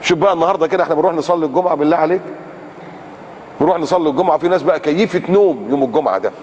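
A man preaching with an Egyptian Arabic accent, dramatic, asking rhetorical questions and swinging from loud highs to low murmurs. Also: racing, lo-fi sound. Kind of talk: sermon. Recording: long hall reverb, faint background noise.

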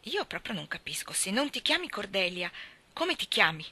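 A woman doing a brisk, stern farm spinster. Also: medium pitch, very animated, pushed and bright. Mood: gruff. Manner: curt, exclaiming.

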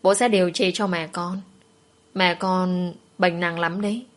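A woman voicing a gentle middle-aged father who pleads softly with his daughter. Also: on the low side, steady tone, a little slow, lightly acted. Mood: pleading.

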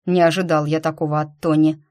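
A woman voicing a gruff, protective young dragon man who speaks curtly and sternly. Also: sits low, level tone, a little fast, darkish tone, close to an everyday voice. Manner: curt, grumbling, stern.

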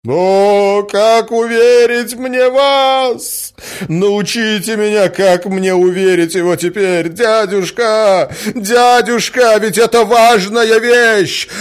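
A man's voice: a little high, darkish tone, pitched above the performer's own voice, natural voice. A man voicing a desperate young man who pleads and exclaims to his uncle.

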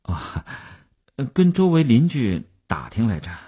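A man's voice: medium pitch, wildly swooping pitch, a little slow, mellow, breathy edge, heavily acted. A man voicing a shy, awkward young man who hesitates and mumbles. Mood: hesitant.

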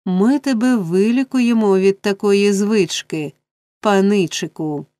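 A crafty old man who runs a gang of thieves, sneering and quietly menacing, as a woman reader voices him. The voice stays mellow and the sound dry and close. It is a storybook reading. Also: mid-range voice, takes it slowly, dry recording, natural voice. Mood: mocking menace. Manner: sneering, mocking. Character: sly old male thief boss, mocking and menacing.

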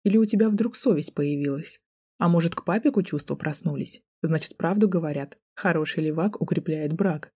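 A man's voice: brisk, husky. A woman voicing a taunting young man. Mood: menacing. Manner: taunting, low and soft-spoken. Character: mocking, menacing young male student. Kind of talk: audiobook character voice.

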